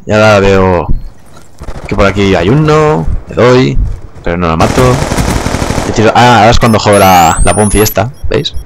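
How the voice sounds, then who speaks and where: Low-voiced young gamer, chatty. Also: male voice, moderate pace, background noise. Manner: relaxed, chatty, swears casually, laughs often. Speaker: gaming youtuber. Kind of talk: casual gameplay commentary. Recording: gunfire behind the voice. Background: game gunfire and explosions.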